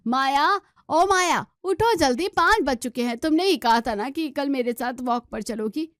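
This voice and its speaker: A scolding, nagging mother-in-law, voiced by a woman in a narrated moral story. Her voice sits high and shrill, recorded dry and close with no room. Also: normal speed, darkish tone, dry recording, close to an everyday voice. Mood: angry scolding.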